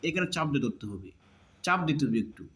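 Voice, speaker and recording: A man teaching pronunciation in a slow lesson. He repeats each sound in drawn-out drills to show how it should be said. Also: on the high side, big pitch swings. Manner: demonstrates sounds by drawn-out repetition. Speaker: teacher of Arabic letter pronunciation. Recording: echoey room.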